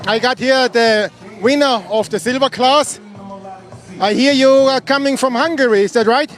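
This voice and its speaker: Man, high voice, outdoor finish-line interviewer, patient, coaxing. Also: moderate pace, soft background music. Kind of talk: on-site interview.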